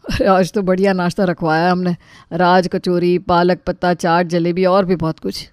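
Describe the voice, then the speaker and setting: A woman's voice: on the low side, little pitch movement, moderate pace, darkish tone, smooth, no echo, studio quality, lightly acted. A woman voicing a flustered middle-aged man hosting a wedding in a cartoon, harried and placating. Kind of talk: cartoon voice acting.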